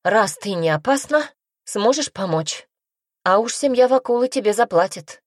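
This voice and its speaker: A woman's voice: medium pitch, lively intonation, normal speed, dry recording, clean studio sound, pitched above the performer's own voice, natural voice. A woman reading an audiobook aloud, voicing an anxious and stubborn young village girl who pleads and insists. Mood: insistent, worried.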